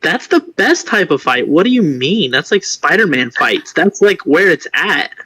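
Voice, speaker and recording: A man playing a tabletop game, talking in excitable, quick bursts during casual chat. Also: fairly high pitch, slightly rough, poor audio. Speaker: player.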